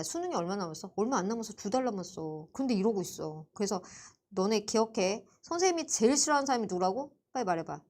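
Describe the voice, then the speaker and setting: A woman's voice: medium pitch, darkish tone. A woman tutoring Korean literature in a live online class, chatty and teasing, quizzing her students by name. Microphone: computer mic for a livestream.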